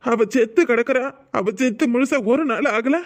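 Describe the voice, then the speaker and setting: A grieving young village man from country, as a voice actor plays him, pleading and indignant. His voice sits at an ordinary middle pitch. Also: moderate pace, lightly acted. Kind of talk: cartoon voice acting.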